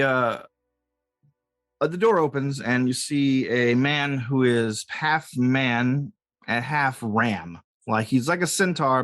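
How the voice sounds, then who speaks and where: A man improvising narration as game master, halting and jokey as he describes the scene. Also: medium pitch, fairly bright tone. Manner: halting, jokey, often chuckling.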